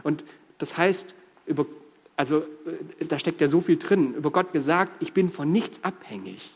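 A man with a Swabian accent preaching a sermon, lively, humorous and emphatic. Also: on the high side, normal speed, creaky, husky. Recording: reverberant hall.

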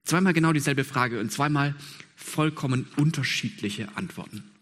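A man's voice: medium pitch, animated, moderate pace, a bit bright. A man preaching a sermon in an earnest, emphatic way, with repeated phrases and rhetorical questions. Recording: long hall reverb.

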